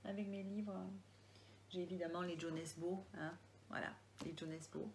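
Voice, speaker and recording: A woman's voice: lowish voice, fairly even intonation, moderate pace, a little hiss or hum. Woman with a Marseille accent, chatty. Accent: Marseille French. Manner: reads out viewer comments, hesitant with many restarts. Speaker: author answering live questions. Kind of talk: casual live Q&A.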